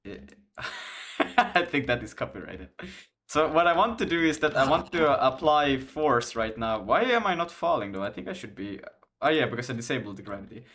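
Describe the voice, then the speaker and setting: A young Finland-Swedish man who develops games rambles through casual stream chat while coding, starting over often and laughing plenty. His medium-pitched voice is very animated and a bit bright, at normal speed.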